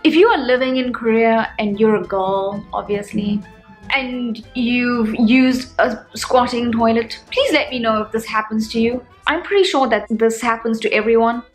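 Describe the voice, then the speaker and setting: Animated South African woman vlogging. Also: a little high, moderate pace, soft background music. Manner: animated, sarcastic storytelling. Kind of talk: casual comedic vlog monologue.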